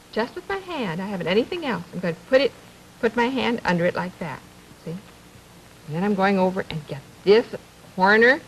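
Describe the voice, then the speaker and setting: In a noisy 1950s television archive recording, a woman with a fairly high voice presents a children's show. She talks to young children in simple phrases, asks many questions, and uses a gentle, drawn-out sing-song delivery.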